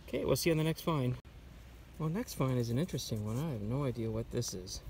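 A man from Canada narrating his metal-detecting finds in a forest, in an unhurried, muttering way, recorded outdoors on a camera mic. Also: medium pitch, lively intonation, darkish tone, a little hiss or hum. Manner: muttering, unhurried, talking to himself. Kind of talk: casual outdoor commentary.

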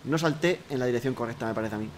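A man from Spain with a Spain Spanish accent, commenting on a video game he plays, excitable, swearing and singing silly bits. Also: medium pitch, racing, noisy background. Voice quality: excitable, swearing, sing-song silly outbursts. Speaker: gaming youtuber. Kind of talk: let's play commentary.

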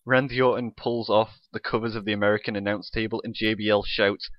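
Young guy recapping a wrestling show, lowish voice, swears a lot, dry room. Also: flat delivery, quick pace, no echo, muffled recording. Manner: recaps events play by play, swears freely. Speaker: podcast co-host. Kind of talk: casual wrestling recap chat.

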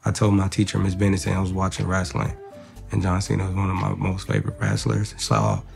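A man's voice: low voice, brisk, vocal fry, darkish tone, soft background music. A man hosting a casual interview, teasing his guest in a slangy, joking way. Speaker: host.

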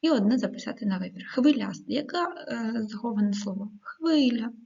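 A woman teacher giving a video lesson to schoolchildren, dictating words slowly and clearly with the odd hesitant filler. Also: a little high, expressive, mellow. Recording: dull lo-fi recording.

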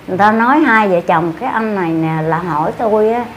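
A woman's voice: medium pitch, fast, a little hiss or hum. Old lady w a southern vietnamese accent, rambling through a story, keeps repeating herself. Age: older. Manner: rambling, repetitive retelling with many fillers. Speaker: interviewee. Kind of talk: casual storytelling.

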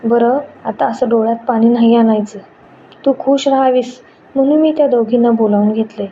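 A woman voicing a kind, affectionate middle-aged mother-in-law who speaks gently and reassuringly. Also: fairly high pitch, moderate pace, natural voice. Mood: fond. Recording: dull lo-fi with faint noise.

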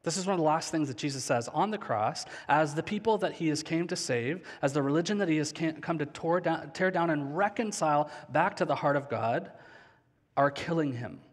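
A man in his thirties preaching a sermon on a large church stage with a headset mic, earnest and slowing down on key phrases. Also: a little high. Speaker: pastor. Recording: long hall reverb.

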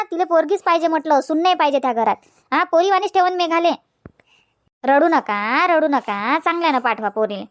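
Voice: very high voice, a bit bright, dry recording. A voice actor playing a village man who consoles the family, soothing and repetitive. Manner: soothing, repeats himself with "mhatla".

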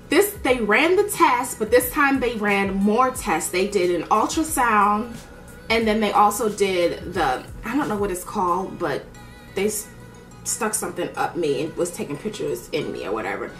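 A woman's voice: medium pitch, reverberant. A woman telling a story in a casual chat while doing her makeup, blunt and profane, acting out what people said. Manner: animated, blunt and profane, acts out quoted dialogue. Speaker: beauty vlogger.

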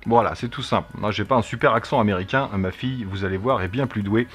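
A middle-aged man from France hosting a casual tech review, chatty and relaxed, often pausing to hesitate as he demonstrates a device. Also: fairly low pitch, soft background music. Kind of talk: casual product demo.

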